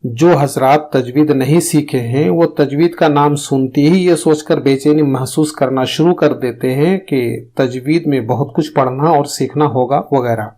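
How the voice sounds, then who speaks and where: A man in a steady, mid-pitched voice gives a Quran pronunciation lesson. He moves at a measured pace, stopping to sound out single letters and say them again so learners can copy him. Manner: patient, repeats letter sounds slowly for learners. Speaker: Tajweed teacher.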